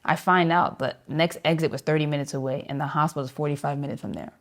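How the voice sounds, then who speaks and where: A jazz saxophonist, a woman with a low, steady voice and fast delivery, is interviewed as a guest. She tells a story vividly, acting out the voices of the people she quotes.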